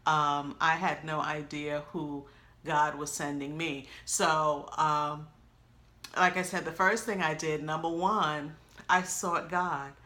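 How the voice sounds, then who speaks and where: A woman's voice: sits low, fairly even intonation, takes it slowly, pushed and bright. Emphatic middle-aged New woman. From New York. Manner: emphatic storyteller who acts out quoted lines. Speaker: co-pastor. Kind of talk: personal testimony to camera.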